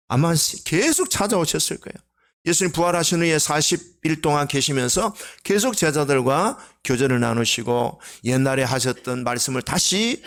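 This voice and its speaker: A middle-aged man preaching a Sunday sermon, with a fairly high voice that swings widely in pitch. He voices Jesus in sudden raised, emphatic bursts, then drops back to a conversational tone with the congregation. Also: fairly bright tone. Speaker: pastor.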